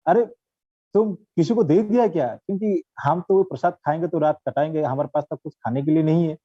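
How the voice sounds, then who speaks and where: A man's voice: on the high side, fairly quick, dark tone, dry recording, pitched above the performer's own voice, lightly acted. A man voicing a hungry village mother who pleads and scolds in a raised voice. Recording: dull, dry recording.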